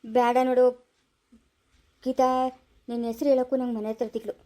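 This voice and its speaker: A woman's voice: on the high side, flat delivery, normal speed, warm tone, lightly acted. Woman voicing an irritated young man on a call. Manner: annoyed, dismissive. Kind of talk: cartoon voice acting.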